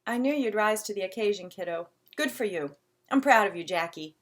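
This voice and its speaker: A woman's voice: mid-range voice, expressive, fairly quick, close to an everyday voice. A woman voicing a mother in a storybook reading, earnest and scolding. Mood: tender. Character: stern but caring mother.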